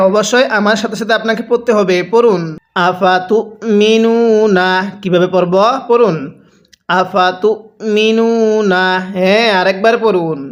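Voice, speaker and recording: A man teaching Quran reading step by step, who has his learners repeat after him and draws the recited words out slowly. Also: sits high, fairly bright tone.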